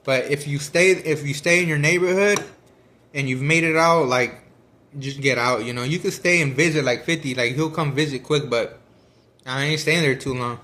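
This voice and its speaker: A man's voice: on the high side, normal speed, pushed and bright. Rambling man chatting while eating. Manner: rambling, with many fillers and restarts. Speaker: vlogger discussing a book. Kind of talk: casual chat.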